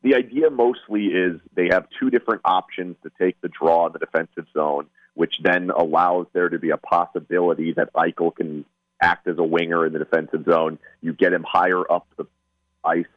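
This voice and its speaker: A man's voice: low voice, fairly even intonation, moderate pace, no echo. A man with a North American accent giving casual sports commentary as a guest analyst, in slightly dull radio audio.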